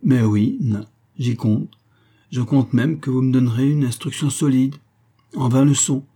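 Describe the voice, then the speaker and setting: A man's voice: mid-range voice, measured pace, dark tone, husky, voice pushed up. A man voicing a cheeky young husband who plays the innocent schoolboy, reciting in a teasing singsong. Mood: mock-innocent.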